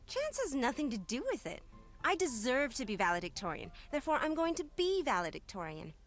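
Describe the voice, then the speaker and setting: A woman's voice: high voice, sing-song, a little fast, a bit bright, soft background music, full character voice. A woman voicing a self-assured, bossy teenage overachiever in a video game, with a buzzy, bee-like voice. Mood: smug, assured. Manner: breezy, confident, bossy. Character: chirpy, self-assured teenage schoolgirl student, academic overachiever.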